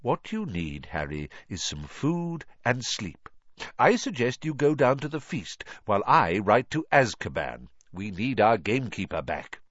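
A man voicing a calm, kindly old male wizard headmaster who speaks in a measured, gentle way. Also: fairly low pitch, no room sound, lo-fi sound, full character voice.

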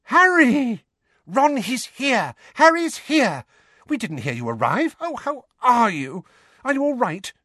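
A man reading a storybook aloud, voicing an excitable, bossy teenage schoolgirl who gushes breathlessly. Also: extremely high pitch, no echo, studio quality, voice pushed up, exaggerated voice. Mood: excited. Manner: breathless, gushing, rapid. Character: excitable bushy-haired schoolgirl, bossy know-it-all.

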